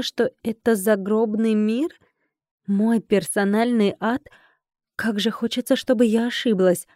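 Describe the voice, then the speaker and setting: Woman narrator, young adult, first-person audiobook, wry conversational read, mellow tone, dry close sound. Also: on the high side, no room sound. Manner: wry, conversational inner monologue.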